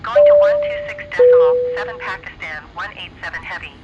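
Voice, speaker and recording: An airline pilot heard over the aircraft radio, reading back a frequency change in brisk, clipped aviation phrasing. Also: mid-range voice, lo-fi sound, crowd noise. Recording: noisy, distant radio transmission.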